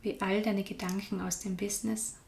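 A woman guiding a meditation in a calm, soft-spoken way, often sinking into a whisper. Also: mid-range voice, normal speed, creaky, reverberant. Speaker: meditation guide. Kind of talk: guided meditation.

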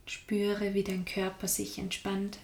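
Calm lady leading a meditation, flat soothing tone, some whispering, echoey room. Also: mid-range voice, vocal fry. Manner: slow, calm, soft-spoken, drifts into whispers. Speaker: meditation guide. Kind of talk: guided meditation.

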